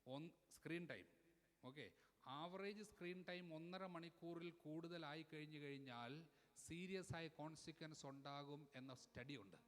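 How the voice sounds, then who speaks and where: A man, a priest, preaching an animated sermon, calling on the crowd to respond and mixing in English words. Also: on the high side, moderate pace. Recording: long hall reverb.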